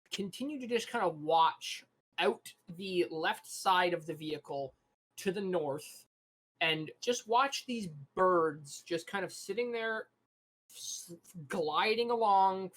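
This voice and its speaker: A game master narrating a tabletop role-playing game in a relaxed, rambling way, with frequent fillers. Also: mid-range voice.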